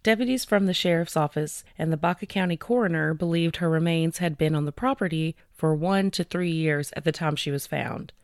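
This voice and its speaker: Low-voiced woman podcaster. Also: no echo, studio quality. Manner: conversational, chatty with fillers, reads details slowly. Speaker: podcast co-host presenting cases. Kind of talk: casual true-crime podcast chat.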